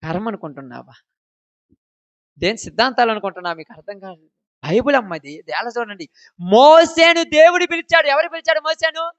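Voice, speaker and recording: A male pastor preaching a sermon. He fires rhetorical questions at his listeners and swings from loud declarations to low asides. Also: very animated, fast talker, long pauses, no echo. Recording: dull, dry lo-fi recording.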